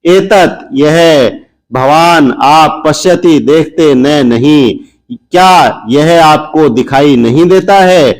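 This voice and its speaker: Slow, measured male teacher. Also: a little high, low-quality recording. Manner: slow, measured, repeats each word then its gloss. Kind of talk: word-by-word textbook translation lesson.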